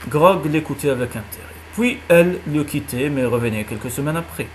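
Guy reading a kids animal story, calm, kinda high voice, faint hiss behind. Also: a little fast. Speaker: reader. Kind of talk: audiobook reading of a children's novel.

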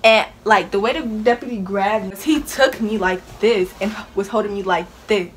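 A young woman telling a story on her vlog in a casual, animated way, dramatic and quick to laugh. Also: medium pitch. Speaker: vlogger. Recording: steady background hiss.

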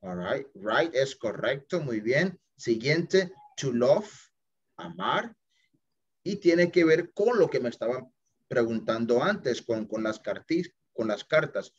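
A husky-voiced man teaches English over a video call, speaking slowly at a mid-range pitch with big swings in intonation. Sharing his screen, he walks students through an app, chatty and mixing in English phrases, checking "listo?" and "ok?" often. The audio is dull and lo-fi.

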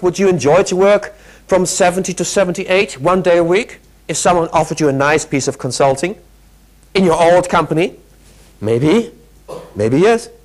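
In a big hotel conference room, a British keynote speaker of middle age keeps things lively and interactive by quizzing the crowd with rapid questions. His voice is a little high, picked up by a clip-on lapel mic.

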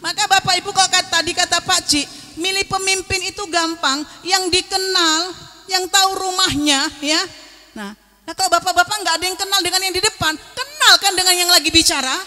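A woman preacher, giving a joking, lively sermon at a religious gathering over a handheld microphone. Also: very high-pitched, a little fast, in a large hall. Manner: joking, lively, slips into Javanese. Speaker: female Islamic preacher. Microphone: handheld microphone on a sound system.

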